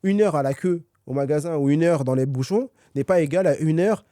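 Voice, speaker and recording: Man, podcast guest author, mellow tone, fairly high voice, dry close sound, lots of hesitations. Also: brisk, no room sound. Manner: energetic, many fillers and restarts. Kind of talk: conversational podcast dialogue.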